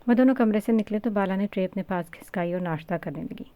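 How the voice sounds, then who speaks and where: A woman narrating a story in a steady, even reading voice. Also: medium pitch, dry recording, phone-quality sound.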